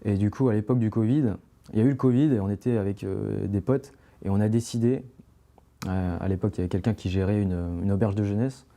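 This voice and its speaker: The climbing brand founder from France talks fast in a fairly low, mellow voice. A young podcast guest, he chats loosely and rambles, restarting often and filling gaps with fillers.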